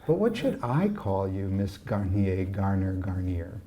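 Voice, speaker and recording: A man's voice: sits low, big pitch swings, a little slow, mellow, slight background noise. A man voicing a confident, teasing upper-class girl of about twenty, talking with breezy eagerness.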